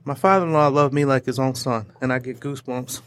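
A man's voice: medium pitch, fast talker. A man as an interview guest, telling stories in a loose, joking way, full of restarts and playful sound effects. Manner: animated, joking, rambling with restarts. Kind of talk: casual storytelling conversation.

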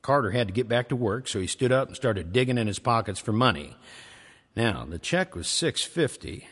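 A man's voice: medium pitch, expressive, normal speed, a bit bright. A man hosting his show and telling a story live to an audience, with a wry, playful delivery. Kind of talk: live storytelling and casual intro. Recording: reverberant live church hall.

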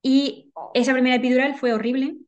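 A woman recounts a personal story as an interview guest, in a rapid, earnest flow full of restarts and repeated words. Her voice sits a little high, and she talks very quickly. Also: little pitch movement, lo-fi sound. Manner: rapid, earnest telling with frequent restarts and repetitions.

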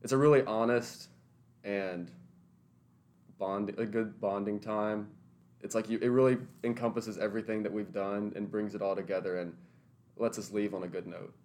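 This fairly low, slightly mellow male voice belongs to a Tennessee teaching intern in his 20s being interviewed. His intonation stays fairly even at a normal speed as he gives earnest, considered answers with some restarts.

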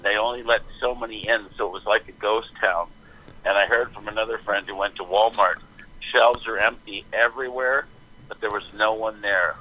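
A man's voice: on the low side, fairly even intonation, normal speed, narrow, tinny audio. A middle-aged man calling in on a speakerphone, chatting playfully and quoting scripture with mock solemnity. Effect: heard over a speakerphone. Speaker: father phoning in to a podcast. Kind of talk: casual phone chat.

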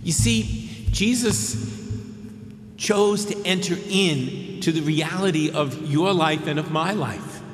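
Male preacher, measured and gentle, slightly high voice, roomy church reverb. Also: slight background noise. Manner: measured, gentle preaching with slow emphatic pauses. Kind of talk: sermon. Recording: echoey hall with long reverb.

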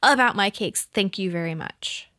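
Casting: lively woman in her thirties, podcast co-host, playful, dry close sound. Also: medium pitch, normal speed, dry recording. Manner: animated, playful storyteller who acts out quotes. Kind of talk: casual chat.

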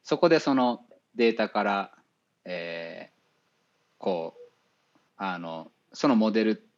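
Low-voiced man explaining haltingly. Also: animated. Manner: hesitant, many fillers, explains step by step. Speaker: spacecraft navigation engineer. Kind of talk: casual interview talk. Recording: dull lo-fi audio.

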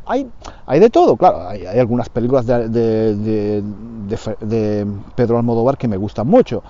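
A man's voice: mid-range voice, warm tone, muffled recording. A man talks casually to learners, repeating his phrases and checking that they understand. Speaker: Spanish teacher for learners. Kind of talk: casual opinion talk for learners.

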